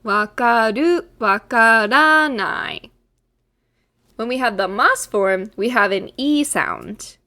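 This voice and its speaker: A woman teaching a recorded language lesson, drilling word forms slowly and carefully with frequent ums. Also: medium pitch, bright, forceful tone.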